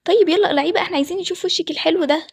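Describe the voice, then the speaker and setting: A woman with an Egyptian accent voicing an old, rich, hot-tempered groom who talks loud and demanding. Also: very high voice, rapid-fire, dry recording, clean studio sound. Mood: furious. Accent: Egyptian Arabic. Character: old rich groom, man, quick to anger.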